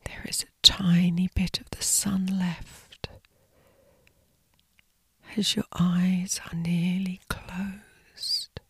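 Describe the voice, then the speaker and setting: A woman narrating a scripted sleep story as a guided meditation, in a breathy, hushed, soothing whisper. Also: on the low side, level tone, very slow, pauses often, no echo.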